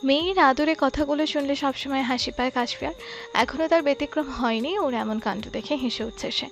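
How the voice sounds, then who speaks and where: High-voiced woman narrating a love story. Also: a little fast, faint music behind. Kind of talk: scripted narration.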